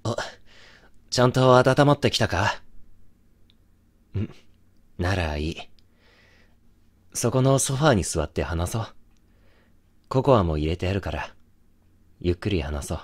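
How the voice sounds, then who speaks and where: A man's voice: deep voice, lively intonation, a little slow, pauses often. Man acting a remorseful young boyfriend, intimate pillow talk. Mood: gentle. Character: remorseful young boyfriend, brusque but tender and protective.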